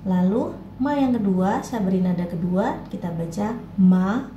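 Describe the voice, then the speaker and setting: A woman teaching a Mandarin lesson, patiently modeling each tone slowly and clearly for learners. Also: mid-range voice, expressive, warm tone, lo-fi sound. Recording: echoey room, faint background noise.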